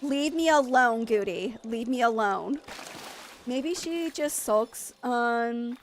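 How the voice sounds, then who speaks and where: A woman's voice: fairly high pitch, animated, slow, slight background noise. A woman from Maine streaming a game, chatting in a rambling way with her viewers and laughing often. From Maine, USA. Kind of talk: casual chat while streaming a game.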